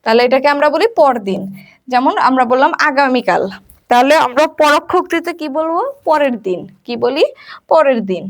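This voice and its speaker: A woman with a high voice leads an exam revision lesson. She reads out each question, then asks it again and answers it herself. She is a teacher from Bangladesh. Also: animated, normal speed.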